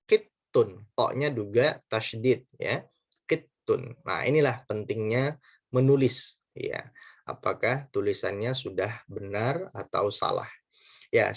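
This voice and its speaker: A man teaching a recorded Arabic lesson, patient and repetitive, saying "ya" often and stretching out the Arabic words to model them. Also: mid-range voice. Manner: slow, patient, repeats words and says "ya" often.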